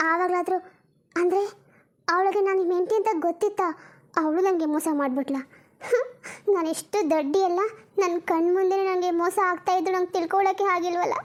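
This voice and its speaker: A very high, thin voice belongs to a heartbroken young wife, tearful and full of self-reproach. She pleads softly in a film melodrama. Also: fairly even intonation, fairly quick, pauses often. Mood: hurt, self-blaming.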